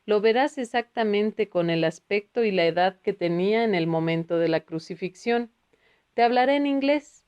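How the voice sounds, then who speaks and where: A woman's voice: medium pitch, a little mellow, clear, resonant tone, highs cut off, natural voice. A woman voicing a kindly male spiritual teacher who explains patiently in a read-aloud book.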